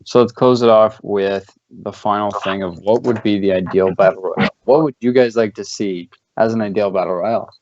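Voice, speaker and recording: A man's voice: lowish voice, fairly quick, hardly any pauses, darkish tone, no room sound. A man hosting a casual gaming chat, swearing freely and mimicking his friends. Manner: loose, profane, mimics friends. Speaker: podcast host. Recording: dull lo-fi stream audio.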